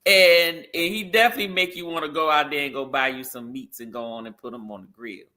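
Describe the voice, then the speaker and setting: A man co-hosting a relaxed podcast conversation, his voice bright and forceful. He talks emphatically, with a lively, animated delivery and frequent laughter. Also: on the high side, fast. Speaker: podcast co-host. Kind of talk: casual chat.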